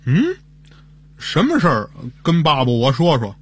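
A man's voice: fairly high pitch, huge pitch swings, unhurried, slightly rough. A man playing the father in a scripted radio comedy dialogue, asking curious questions. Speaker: father in a family comedy sketch.

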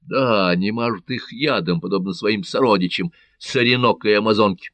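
A wary, respectful sailor, as a male audiobook reader voices him, low and steady. He speaks in careful warnings. The recording is dry and close. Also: brisk, no room sound. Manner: cautious, warning.

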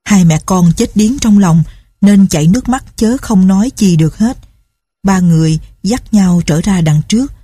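A woman narrating a novel aloud with calm, steady storytelling. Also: medium pitch, normal speed, husky, dry recording.

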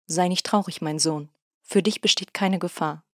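Woman reading a calm, teasing priest. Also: on the low side, dry recording, studio quality. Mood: gently teasing. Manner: gentle, unhurried, mildly ironic. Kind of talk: audiobook character voice.

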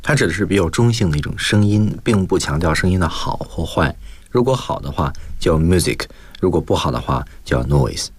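A man's voice: deep voice, expressive, brisk, husky, no echo. A man teaching English on a radio lesson, explaining words step by step and mixing in English terms.

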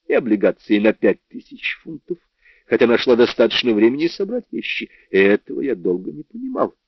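A man reading a first-person crime novel aloud in an expressive, dramatic way. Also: mid-range voice, dry recording. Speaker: audiobook reader. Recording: dull, lo-fi dry recording.

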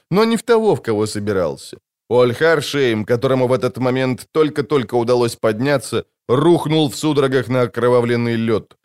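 A male audiobook narrator reads scripted prose in a steady, dramatic way. His voice sits at an ordinary middle pitch. The recording is close and dry, with no room sound. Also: no echo.

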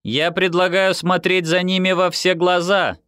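A stern, unimpressed woman officer with a pistol, as a male reader puts her on, raised in pitch but flat and dry in delivery. She sounds tired of everyone, in a close, dry studio recording. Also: unhurried, clear, resonant tone, no room sound. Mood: deadpan stern. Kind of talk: audiobook character voice.

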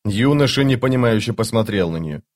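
A man reading a fantasy novel aloud in an even, measured narration. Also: lowish voice. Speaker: audiobook narrator. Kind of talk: scripted narration.

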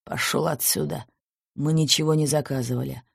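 A woman's voice: low voice, steady tone, normal speed, creaky, husky, no echo, studio quality, full character voice. A woman voicing a cheating middle-aged officer, cold and scheming, who speaks curtly and dismissively. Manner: curt, dismissive.

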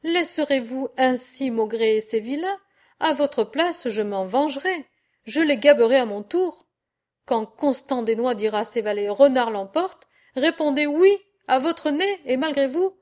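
A proud, watchful rooster from an old fable, measured and a little haughty, as a woman reads him. His lines come slowly and sit a touch high. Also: expressive, a little mellow. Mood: coaxing. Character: proud wary male rooster. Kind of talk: audiobook tale reading.

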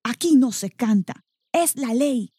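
A cranky, bossy village mayor from a children's tale, as a woman reading aloud plays him. He scolds and blusters with a voice that swings widely in pitch. The recording is close and dry. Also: animated, slow, dark tone, breathy edge, no echo, full character voice. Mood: scolding. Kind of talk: storybook character voice.

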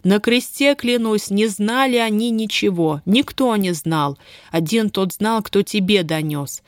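Woman reading as hoarse young peasant girl, defiant, snapping back. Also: mid-range voice, a little slow, no room sound, studio quality, lightly acted. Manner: defiant, desperate. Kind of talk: audiobook character voice.

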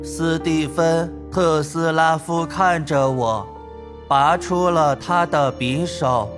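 A man's voice: on the high side, fairly even intonation, music in the background. A man voicing an eerie little wooden puppet in an audiobook, its voice hollow, distant and disembodied, drawn out and ominous. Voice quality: slow, drawn-out eerie delivery. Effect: hollow, distant, disembodied ghostly voice. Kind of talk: audiobook narration.

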